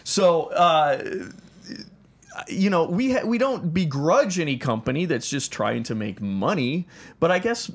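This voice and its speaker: A man's voice: fairly high pitch, expressive, measured pace. A man co-hosting a casual fishing podcast, getting worked up and rambling with restarts, recorded on a close studio mic that clips and distorts. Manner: gets fired up and rambles with restarts. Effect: clipping, distorted overdriven mic. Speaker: podcast co-host. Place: small podcast studio under a hot light.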